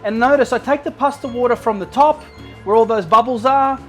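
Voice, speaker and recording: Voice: medium pitch, a little fast, a bit bright, soft background music. An enthusiastic cooking show host giving a casual demonstration to viewers, often repeating words for emphasis, over a sizzling pan.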